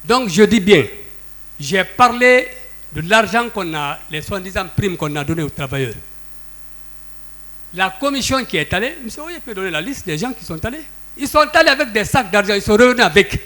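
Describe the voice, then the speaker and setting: A trade union leader testifying in a courtroom, insistent and combative, slightly out of breath. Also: male voice, sits high, big pitch swings, moderate pace, sharp tone. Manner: insistent, combative, talks over questions.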